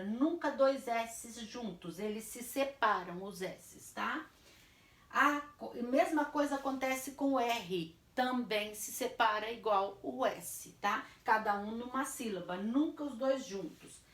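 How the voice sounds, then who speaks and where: A woman's voice: on the high side, measured pace, echoey room. A woman teacher with a Brazilian Portuguese accent gives a class lesson for children. She stretches words out syllable by syllable and answers her own questions. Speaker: primary school teacher.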